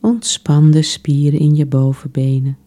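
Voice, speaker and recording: A woman softly guiding a relaxation exercise in a soothing, unhurried way, with long pauses between phrases. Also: low-pitched, little pitch movement. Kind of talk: guided relaxation meditation.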